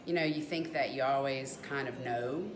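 A woman's voice: extremely low pitch, moderate pace, echoey room, over music. A middle-aged woman chatting reflectively as an interviewed mother. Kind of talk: reflective casual chat. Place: small lamp-lit room.

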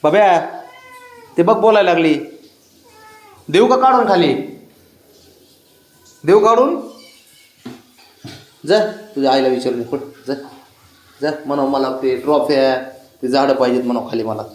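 A man's voice: on the high side, moderate pace, pauses often. A man chatting with his pet cats at home in a coaxing, teasing baby-talk manner. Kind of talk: casual talk to pets. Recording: echoey room.

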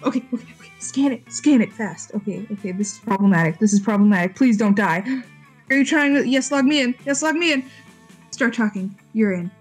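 Husky-voiced woman chatting over a game. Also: fairly high pitch, lively intonation, a little fast, faint music behind. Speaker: player in a group game session. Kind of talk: casual chat.

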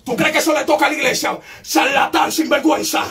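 A man preaching a fiery sermon as an evangelist, shouting insistently and confrontationally, at times breaking into tongues. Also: very high-pitched, quick pace.

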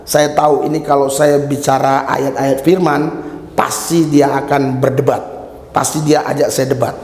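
A man's voice: medium pitch, level tone, normal speed, darkish tone. A man preaching a fervent sermon as a pastor, telling stories and calling out hallelujahs. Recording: reverberant hall.

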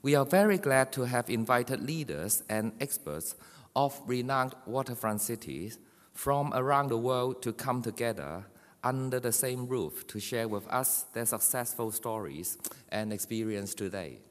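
Speaking as moderator from a podium in a large conference hall, a man delivers a formal welcome in a measured way. His voice sits at medium pitch with lively intonation. The podium microphone picks up a long hall reverb.

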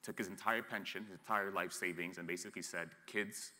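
Seated in an armchair on a studio stage set, this Ethiopian-raised entrepreneur in his thirties gives candid panel talk. His low, pushed, bright voice moves a little fast with fairly even intonation, under a long reverb tail, and his frank, blunt speech is full of restarts and repeated words.

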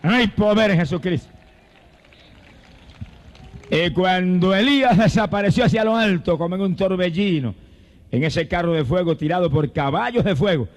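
A high-pitched man preaches to a congregation in church. He tells Bible stories steadily, then lifts into fervent, shouted praise. His delivery is a classic Pentecostal sermon. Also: normal speed. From Puerto Rico. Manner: fervent, swings from calm teaching to shouted praise. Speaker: evangelist preacher. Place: church service before a congregation.

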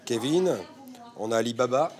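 A man in his forties, a restaurant manager, talking briskly while at work in a busy restaurant. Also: medium pitch, a crowd in the background. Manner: brisk, switches to simple English with guests. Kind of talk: on-the-job interview.

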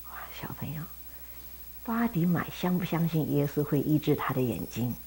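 A woman teaching Sunday school, telling a Bible story in a lively way and talking directly to the children. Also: low voice, brisk, a little hiss or hum.

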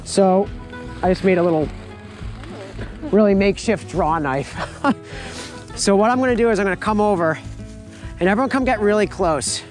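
A man's voice: sits high, moderate pace, pauses often, faint music behind, low-quality recording. Chatty young man teaching foraging. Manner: casual, chatty, laughs often. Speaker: foraging instructor. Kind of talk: outdoor teaching walk. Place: forest outdoors, then wooden lodge hall.

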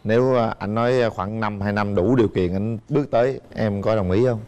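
A man's voice: lowish voice, brisk, darkish tone, dull audio. Guy hosting a dating show, joking around, chatty, a little hiss in the recording. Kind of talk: lively game-show hosting.

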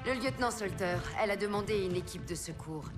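A woman's voice: medium pitch, quick pace, close to an everyday voice. An actress playing a firm, composed female warship captain in her forties in a video game. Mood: frank, composed. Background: game music.

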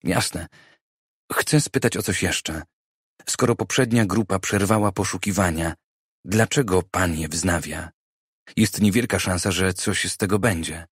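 Audiobook role: male narrator playing a shrewd private eye, deep voice, dry studio sound, calm persuasive delivery. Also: husky, no room sound. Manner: measured, persuasive. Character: cautious, clever male private detective.

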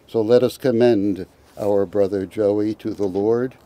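A man, a priest, reciting committal prayers at a graveside in a measured, liturgical way. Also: lowish voice, fairly even intonation, warm tone.

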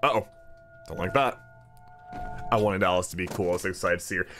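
A man streaming a video game, commenting casually in a joking, swearing, animated way. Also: sits low, a little fast, soft background music.

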